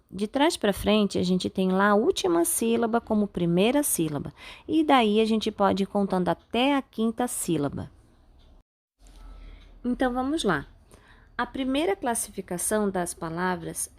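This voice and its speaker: A woman teacher with a Brazilian Portuguese accent, patiently explaining a grammar lesson step by step and slowing down on key words. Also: mid-range voice, expressive, darkish tone. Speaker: Spanish teacher. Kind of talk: recorded online class.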